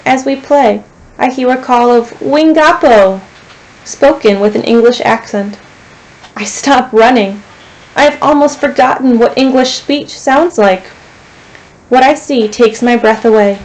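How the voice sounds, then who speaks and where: A woman, a teacher, reading a novel aloud to her class in a steady storytelling voice. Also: a little high, measured pace, poor audio.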